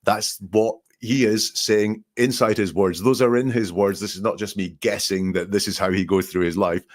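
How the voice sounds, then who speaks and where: A man's voice: fairly low pitch, steady tone, normal speed. A man, a statement analysis expert, explaining and breaking down quotes on a live show. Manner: explanatory, quotes lines in mock voices.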